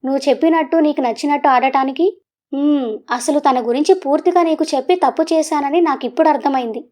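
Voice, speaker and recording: A woman's voice: high voice, quick pace, darkish tone, close to an everyday voice. A woman voicing a young man, an earnest and troubled husband, in a serious, pleading way.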